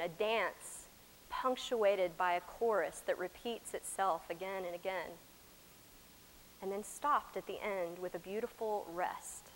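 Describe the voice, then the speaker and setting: A woman from Texas with an American accent preaching a sermon, with deliberate, emphatic phrasing, dramatic pauses and swings from loud to soft. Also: medium pitch. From Texas, United States. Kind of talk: sermon to a chapel congregation. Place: large chapel, speaking to a congregation. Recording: echoey hall with long reverb.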